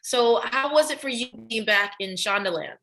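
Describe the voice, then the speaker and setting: A woman's voice: fairly high pitch, lively intonation, moderate pace, fairly bright tone, a little hiss or hum. A woman interviewing actors at a press junket, asking questions in an upbeat, complimentary way. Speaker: entertainment interviewer.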